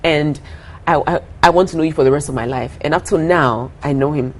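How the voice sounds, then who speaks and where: Being interviewed casually as a singer guest, a young Ghanaian woman speaks briskly in a low voice against slight background noise. She's earnest, repeats herself often, and laughs readily.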